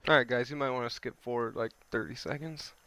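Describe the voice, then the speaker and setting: A man's voice: mid-range voice, steady tone, fast talker, sharp tone. A man giving casual commentary as he streams a game.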